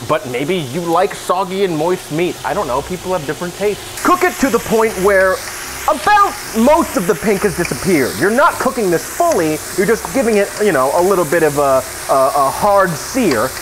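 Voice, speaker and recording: A pan sizzles amid kitchen noise as a drunk cooking video host rambles through a casual tutorial at home, tossing in self-mocking jokes while he cooks. He has a high-pitched, animated voice and a moderate pace.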